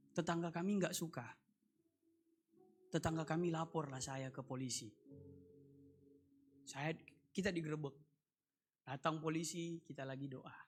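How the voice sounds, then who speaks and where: A male pastor from North Sulawesi preaching a sermon at a church service and telling a personal testimony, moving between loud emphatic lines and quiet storytelling. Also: on the high side, slightly rough.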